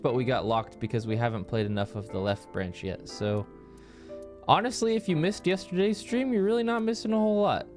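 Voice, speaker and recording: A man streaming a game, recapping it in casual chat and jumping into silly voices and sound effects. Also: on the high side.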